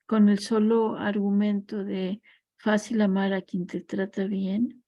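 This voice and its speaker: In a recorded class lecture on family constellations, a woman speaks reflectively, weaving in parables and personal stories. Her mid-range voice is warm and slow with little pitch movement, and the audio is dull with no room sound.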